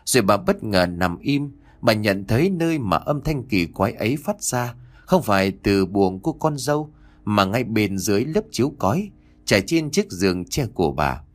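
A man narrating an audiobook horror story in a slow, dramatic storytelling manner. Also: fairly low pitch, big pitch swings.

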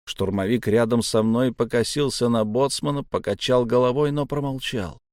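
A man giving a measured, tense first-person audiobook narration. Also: medium pitch, a little mellow, dry recording, clean studio sound.

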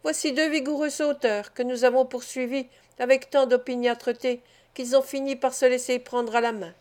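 A woman's voice: sits high, steady tone, normal speed, a little mellow, lightly acted. A woman reading the part of a cheerful young boy back from a hunt in an audiobook. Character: lively young boy, cheerful hunter son.

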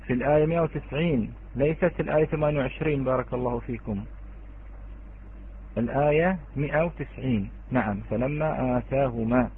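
A man teaching Quranic readings in an online lesson, speaking slowly, repeating key words and addressing his students directly. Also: medium pitch, slight background noise. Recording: tinny phone-like online call.

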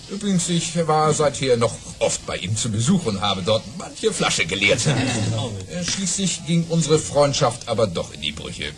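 An actor playing a boastful aristocratic baron in a radio play, telling tall tales dramatically and savoring his pauses. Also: mid-range voice, lightly acted. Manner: dramatic, savoring pauses, hushed then exclaiming. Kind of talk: theatrical German radio play storytelling.

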